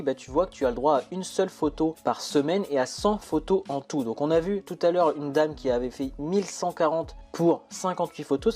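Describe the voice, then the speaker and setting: A man's voice: on the high side, a little mellow. A young man talking the viewer through a screen-recorded online tutorial, chatty and informal. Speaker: online money-making tutorial host. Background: faint background music.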